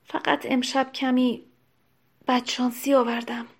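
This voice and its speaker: A woman's voice: high voice, level tone, slightly rough. A woman voicing a wounded, loyal young male servant who speaks faintly and with strain. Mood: weak, faint.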